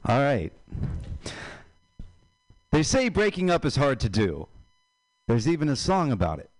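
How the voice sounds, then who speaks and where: A man's voice: medium pitch, huge pitch swings, unhurried, no echo, poor audio. A man doing a stand-up set at a comedy club, talking in a loose, conversational way. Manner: conversational, trying out new material.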